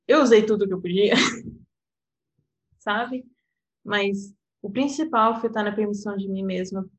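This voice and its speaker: On a rough recording, a medium-pitched woman with a European Portuguese accent chats casually as a guest. She is an interpreter from Portugal, speaking in a reflective, personal way, often laughing and saying "sabe?"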